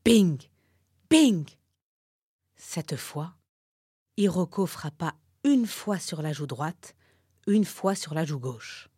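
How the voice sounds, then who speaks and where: Slow, expressive woman storyteller. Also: sits low, husky, no echo, studio quality. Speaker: narrator. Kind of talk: children's story narration.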